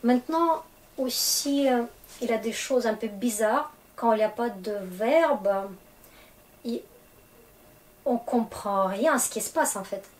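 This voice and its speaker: Slow, patient woman teaching a language. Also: fairly high pitch, poor audio. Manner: slow, patient explaining with frequent hesitations. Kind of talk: explaining grammar to French learners.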